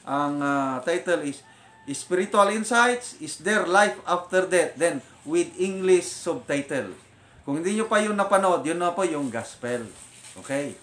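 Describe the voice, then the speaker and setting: An older man with a Filipino accent gives a spoken testimony as a retired officer, mixing Tagalog with English as he goes. His voice sits high for a man and is animated. The recording carries a roomy echo. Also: a little slow. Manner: animated storytelling, switching between Tagalog and English. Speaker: vlogger and retired military officer.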